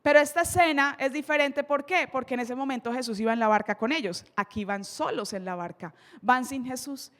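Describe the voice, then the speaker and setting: Colombian lady preaching, high voice, really emphatic, big echoey church hall. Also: fairly bright tone. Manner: emphatic, dramatic storytelling, slows for key lines. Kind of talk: sermon.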